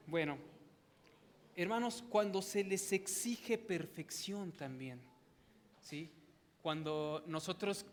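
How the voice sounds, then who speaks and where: High-voiced pastor preaching in a church hall. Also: male voice, a bit bright, a little hiss or hum. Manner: conversational preaching, often asks "¿verdad?". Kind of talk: sermon. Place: church sanctuary.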